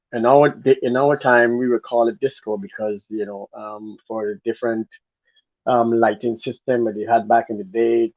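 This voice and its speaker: Speaking as an interview guest, this former dancer from Guyana rambles earnestly through his story in casual conversation, his Guyanese accent clear. His pitch is medium and there's no echo, though the audio has a thin, phone-like quality.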